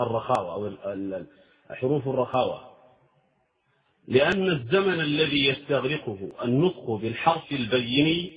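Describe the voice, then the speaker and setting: A man teaching a tajweed lesson, explaining how letters are pronounced and drawing out example words slowly. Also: medium pitch. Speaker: Quran recitation teacher. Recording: dull lo-fi recording.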